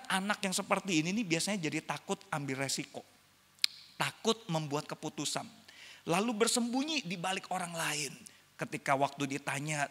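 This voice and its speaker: Bright-voiced man preaching in a hall. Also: fairly high pitch. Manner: animated storytelling, addresses audience as "saudara". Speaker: evangelist speaker. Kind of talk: parenting seminar sermon. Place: church seminar hall.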